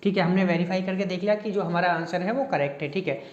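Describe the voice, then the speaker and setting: A male math teacher, working through problems step by step in Hindi sprinkled with terms. He slows down while writing formulas and catches his own slips. The room sounds echoey and the recording is dull and lo-fi. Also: high voice. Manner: corrects himself mid-line. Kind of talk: exam-prep math lecture.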